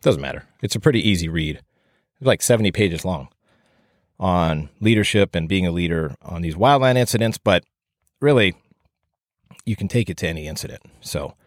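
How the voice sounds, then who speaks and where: A man's voice: sits low, no echo. A man giving an informal, rambling solo podcast talk in a plain-spoken, self-deprecating way, with audible breaths into a close microphone. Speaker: podcast host and firefighting instructor.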